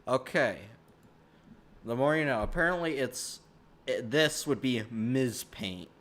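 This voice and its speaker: A man's voice: mid-range voice, unhurried, a bit bright. A man giving casual behind-the-scenes commentary on his own video, rambling and stumbling over his words with many fillers.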